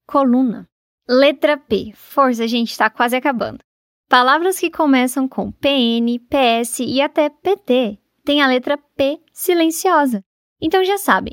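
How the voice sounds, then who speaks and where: A Brazilian woman reading a scripted English pronunciation lesson for a podcast, clear and deliberate as she pairs each word with its translation. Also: sits high, no room sound, clean studio sound. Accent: Brazilian Portuguese.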